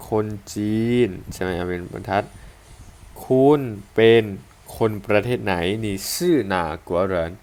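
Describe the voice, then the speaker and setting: Male teacher, Thai accent, lower pitch; patient, repetitive classroom explaining. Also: unhurried, darkish tone. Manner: patient, repeats and spells out example sentences. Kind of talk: online language lesson.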